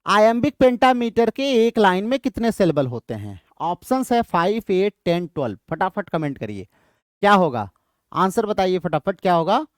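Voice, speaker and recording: A man's voice: high-pitched, normal speed, no echo, studio quality. Indian guy doing an exam-prep class, voice jumps all over, keeps repeating stuff and asking then answering. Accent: Indian English. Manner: lively and repetitive, asks questions and answers them himself. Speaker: English literature teacher. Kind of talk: exam-prep lecture in Hindi and English.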